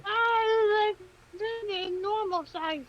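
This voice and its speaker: A woman's voice: very high voice, very slow, dull audio, slight background noise. A woman playing in a tabletop game, chatting casually and giggling. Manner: giggly, lively. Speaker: player.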